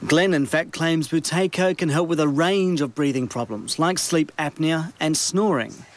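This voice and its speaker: New Zealand man reading a news report. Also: fairly high pitch. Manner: measured, scripted delivery.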